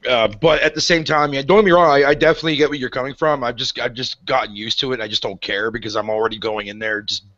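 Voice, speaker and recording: A man's voice: medium pitch, steady tone, quick pace, few pauses, fairly bright tone, dry recording, highs cut off. A man co-hosting a casual gaming podcast, talking in a rambling, emphatic way with many fillers. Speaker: podcast co-host.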